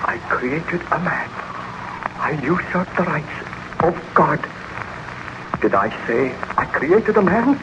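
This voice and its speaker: Over a dull, noisy 1930s radio recording, a haunted baron and scientist. His rather high voice moves dramatically up and down. He confesses with solemn, declamatory remorse in old horror serial style. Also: big pitch swings, slow pace, pauses often. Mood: fervent, tormented.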